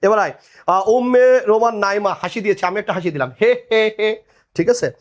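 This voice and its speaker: High-voiced young teacher. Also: male voice, animated, fast talker. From Bangladesh. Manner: drilling call-and-response, repeating answers; teasing, chatty with students. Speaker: admission test teacher. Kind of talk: online class lecture.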